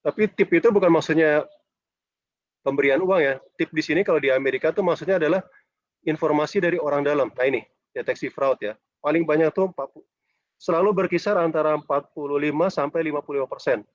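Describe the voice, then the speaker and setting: Male lecturer, fairly high voice, dull lo-fi sound over a bad video-call connection, chatty, teaching an online class. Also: fast talker, dry recording. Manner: chatty, ends phrases with a questioning "ya". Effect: dull, choppy video-call connection. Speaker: university lecturer.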